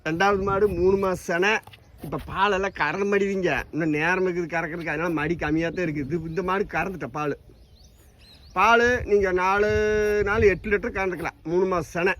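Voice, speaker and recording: High-pitched man with a Tamil Nadu accent. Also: fairly bright tone, slight background noise. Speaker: cattle farm seller, presenter. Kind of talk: informal sales walk-through to camera. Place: outdoors on a farm.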